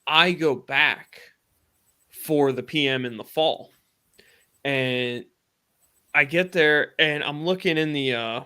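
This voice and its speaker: A man with a bright, slightly high voice tells a work story on a casual live stream. He jumps into quoted dialogue with rising excitement and loose, chatty phrasing. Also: slow pace, long pauses, clear, resonant tone. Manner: animated retelling, acts out quoted dialogue in a higher, excited voice. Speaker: podcast host.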